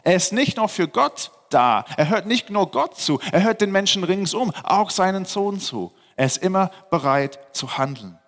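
A man's voice: sits high, sing-song, moderate pace, hardly any pauses, fairly bright tone, big-room sound. A man preaching a sermon, mixing scripture reading with emphatic explanation and rhetorical questions to his listeners. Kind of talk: sermon, Bible teaching.

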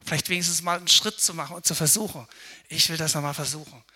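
A man's voice: on the high side, steady tone, quick pace, sharp tone, husky. A man preaching a sermon in a chatty, conversational way, often tagging his sentences with a questioning "ne" and acting out people's inner voices. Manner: conversational, frequent tag "ne?", acts out inner voices. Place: church service.

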